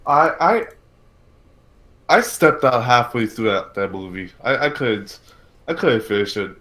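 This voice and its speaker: On a casual livestreamed podcast about films and video games, a male host talks in fits and starts, circling back over his words as he reasons aloud. He has a mid-range voice with wide swings in pitch and a slightly bright quality.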